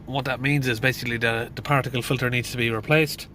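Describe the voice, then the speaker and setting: In a van, a middle-aged mechanic whose voice is congested from hay fever thinks aloud with fillers during a casual diagnostic walkthrough, keeping things plain. He talks fast, at a medium pitch with fairly even intonation and a bright, forceful tone. Slight background noise is audible.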